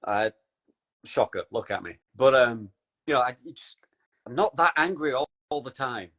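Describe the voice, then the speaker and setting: A man hosting a podcast in casual chat, animated and swearing when excited. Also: medium pitch, moderate pace. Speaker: podcast host.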